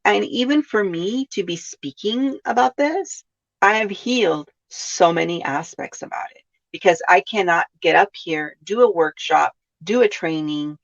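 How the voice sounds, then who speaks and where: On a reflective self-help podcast with dull lo-fi sound, a California host speaks in a low-ish, gravelly voice. She often turns questions toward her listeners and adds "right?".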